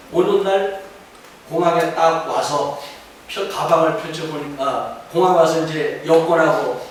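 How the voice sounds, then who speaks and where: A middle-aged man preaching a sermon as pastor, telling stories and rising to fervent shouts. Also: a little high. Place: church sanctuary. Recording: very echoey hall from far off, faint noise.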